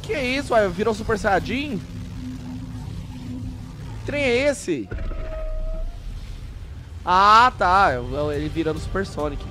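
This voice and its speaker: Male reactor, Brazilian accent, high and tense tone, excitable and exclamatory, casual delivery. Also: slow pace, pauses often, soft background music. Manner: excitable, bursts into exclamations and shouts. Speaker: reaction video host.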